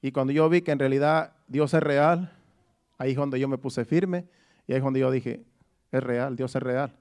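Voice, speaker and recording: A man's voice: medium pitch, steady tone, normal speed, a little mellow. A middle-aged man preaching a sermon in an earnest, personal way, often restarting his phrases. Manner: earnest, testimonial, with frequent restarts.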